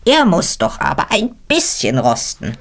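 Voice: medium pitch, huge pitch swings, a little slow, vocal fry, exaggerated voice. A storyteller voicing a humble, matter-of-fact cleaning woman who scrubs the equator, in a storybook reading. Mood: earnest.

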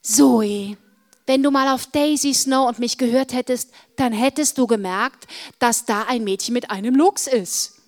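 A woman voicing a relaxed teenage girl in a storybook, sometimes scolding her friend. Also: medium pitch, unhurried, pauses often. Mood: chiding.

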